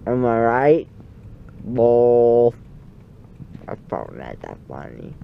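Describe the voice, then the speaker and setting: Still numb-mouthed and loopy from anesthesia after dental surgery, a teenage boy records a rambling, casual selfie vlog on a phone at arm's length in a moving car, goofy and disjointed. His mid-range voice is very animated, slow, creaky and smooth. The muffled phone audio picks up car road noise.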